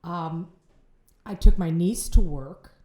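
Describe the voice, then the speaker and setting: A middle-aged woman tells her story as a podcast guest. Her voice sits a little low and sounds dark and mellow. The room around her is echoey, and she speaks haltingly, with restarts. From Ohio, United States. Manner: halting, with restarts and repeated words. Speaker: bereaved mother, podcast guest. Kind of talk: emotional personal storytelling. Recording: roomy echo.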